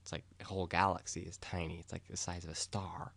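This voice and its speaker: A young man talking in a rambling, casual monologue. He gets excited, loses his train of thought and swears freely. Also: sits low, fast, creaky, no room sound.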